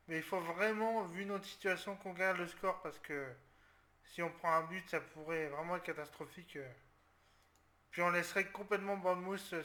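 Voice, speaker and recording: A man from France talks through a football video game match as he plays it. His voice is high and bright, and he sounds tense as he explains each tactical change, with sudden loud cries when a play goes wrong. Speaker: gaming video creator. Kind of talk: live football game commentary.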